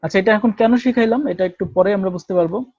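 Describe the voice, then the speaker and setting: A Bangladeshi man teaching a spoken English class, explaining slowly and switching between Bengali and English examples. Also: high-pitched, a little mellow, no room sound. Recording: dull, dry lo-fi recording.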